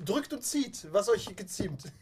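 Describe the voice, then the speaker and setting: A man's voice: sits high, big pitch swings, measured pace, voice pushed up. A towering, buxom, haughty lady who talks in a stiff, old-fashioned formal way, as a man puts her on. She sounds grand and a little put out. Faint hiss underneath.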